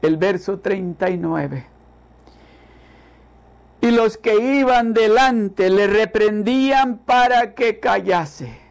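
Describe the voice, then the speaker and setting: A man's voice: sits high, slow, vocal fry. A man preaching a sermon with fervent repetition, calling on listeners to repeat after him.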